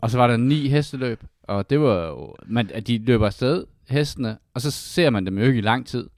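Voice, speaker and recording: A man hosting a podcast, telling a lively story with many fillers in casual chat. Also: medium pitch, dry recording, clean studio sound. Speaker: podcast host.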